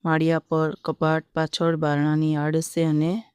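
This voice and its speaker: Teacher, methodical dictation of answers, smooth clear voice, flat delivery. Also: mid-range voice, a little slow, no echo, studio quality.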